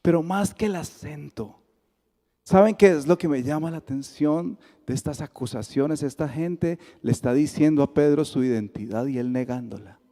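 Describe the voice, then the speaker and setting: Colombian pastor preaching in an echoey church. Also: male voice, on the high side, normal speed. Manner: lively storytelling that acts out the dialogue. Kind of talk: sermon. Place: church sanctuary.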